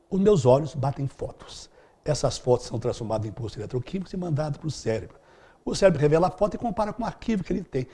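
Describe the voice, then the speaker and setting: A man's voice: a little high, gravelly, warm tone, breathy edge. A middle-aged man answering interview questions as a speed-reading instructor, explaining in a didactic way with vivid everyday examples.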